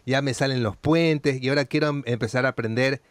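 A man hosts a relaxed, slangy chat with a guitarist. His voice is smooth and resonant, at an ordinary pitch. It is recorded dry and close. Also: fairly quick, dry recording. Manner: relaxed and slangy, asks friendly questions. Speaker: host. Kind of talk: casual interview chat.

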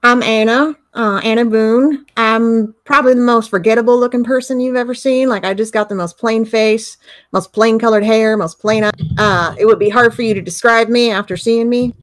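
A woman's voice: fairly high pitch, steady tone, moderate pace, dry recording. A woman with an Appalachian accent, role-playing casually in a tabletop game with folksy, plain-spoken hillbilly talk. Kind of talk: in-character role-play, casual.

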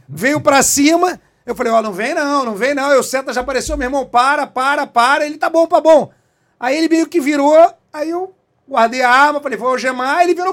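A middle-aged man from Brazil, a police chief, telling a story as an interview guest in a profane, emphatic way. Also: very high voice. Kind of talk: animated storytelling in a podcast interview.

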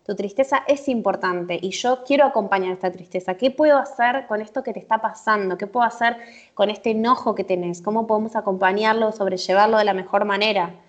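A woman's voice: mid-range voice, brisk, dull audio. A woman with a Rioplatense Spanish accent explaining emotions in casual chat, with many fillers and tag questions.

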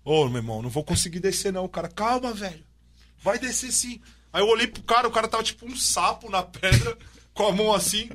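Animated storyteller, bright voice. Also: male voice, high-pitched, fast. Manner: animated, slangy, acts out dialogue. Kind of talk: casual storytelling with friends.

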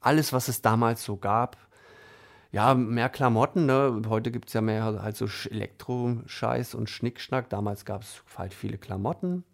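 A man tells a personal story in relaxed, colloquial speech and keeps checking in with little tag questions. His voice sits in an ordinary middle range. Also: mid-range voice, unhurried, gravelly. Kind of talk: casual anecdote.

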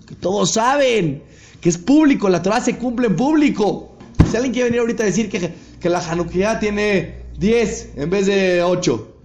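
A rabbi delivers a sermon in a slightly high voice. He tells stories with animation, slipping into the voices of the people in them. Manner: animated storyteller acting out dialogue. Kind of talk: sermon with storytelling.

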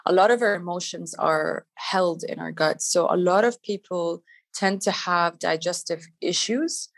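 With a fairly low voice and a measured pace, this guest entrepreneur from Canada talks in a casual interview. The middle-aged woman sounds upbeat and conversational, leaning heavily on "like" and "you know."

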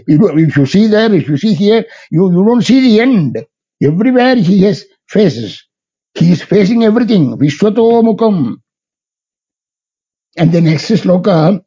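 Male religious teacher, South Indian accent, mellow husky voice, halting repetitive explanation, verse recitation. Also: on the high side. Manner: halting, repetitive, rhetorical questions to listeners. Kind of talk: scripture discourse, chanting Sanskrit verses and explaining them. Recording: muffled, lo-fi sound.

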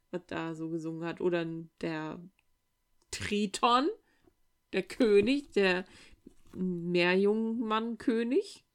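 A woman podcast host reading a fairy tale aloud and breaking off for wry, joking comments to her listeners. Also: mid-range voice. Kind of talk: read-aloud with chatty asides.

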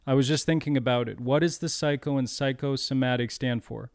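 A man co-hosting a casual comedy podcast, making wry, deadpan jokes. His voice is smooth and clear, recorded dry and close, with no room sound. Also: mid-range voice, brisk, no echo. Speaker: podcast co-host.

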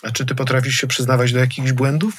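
A man hosting a podcast interview, asking calm, measured questions. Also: medium pitch, slightly rough, no echo, faint music behind. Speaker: podcast host.

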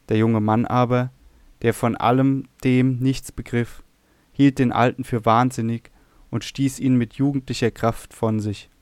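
Man narrating a classic myth, even and flat. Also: medium pitch, dry recording. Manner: measured, even reading. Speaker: audiobook narrator.

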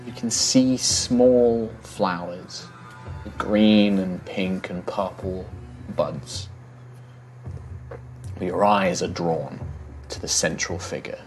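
A man working as game master, giving measured, atmospheric descriptive narration for a tabletop game. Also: low-pitched, rough recording.

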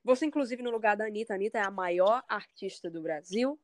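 A woman's voice: medium pitch, fast, dry recording. A woman from Brazil, a singer, speaking candidly and emphatically in a casual interview, acting out the comments of others.

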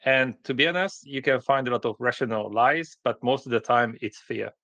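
A Hungarian company founder with a Hungarian accent tells stories as a podcast guest in a conversational interview, using short, plain, direct sentences. His medium-pitched voice moves at normal speed, sounds a bit bright, and has no echo.

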